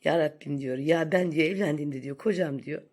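A woman's voice: low voice, brisk, a little mellow. A woman vlogger delivering a sarcastic, scolding rant in a commentary vlog.

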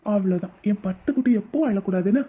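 A woman voicing a gentle, devoted young man who coaxes and comforts his wife in an amateur audio drama. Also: medium pitch, fast talker, breathy edge, lightly acted. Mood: soothing. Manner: soothing, coaxing.

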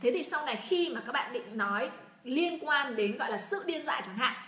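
A woman's voice: high-pitched, lively intonation, a little fast, bright, forceful tone, roomy sound. A woman from Vietnam teaching an English pronunciation lesson, repeating words and prompting her learners to say them aloud.

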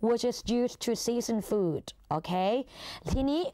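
A woman's voice: on the high side, animated, drawn-out words, dark tone, no room sound. A young woman tutoring exam English in a chatty, playful way, casting herself as an older sister who coaxes her students along. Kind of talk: Thai exam-prep lesson.

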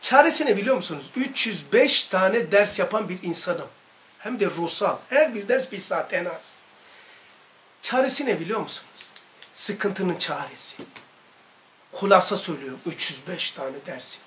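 Male study-circle teacher, very high bright voice, lively, throws rhetorical questions at the room. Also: normal speed, a little hiss or hum. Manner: animated, barks mock military commands. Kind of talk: informal religious lesson.

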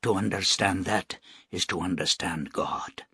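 A man voicing a calm, devout shipbuilder who speaks softly, quietly and in a measured way. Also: sits low, slightly rough, no room sound, studio quality, heavily acted. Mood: soft, reverent.

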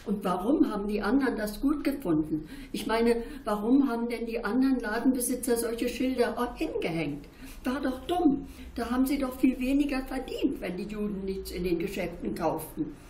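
A woman's voice: on the high side, expressive, moderate pace, dark tone, voice pushed up, lightly acted. Woman voicing an insistent curious schoolchild. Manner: insistent questioning. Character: curious outspoken schoolchild, indignant. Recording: roomy echo.

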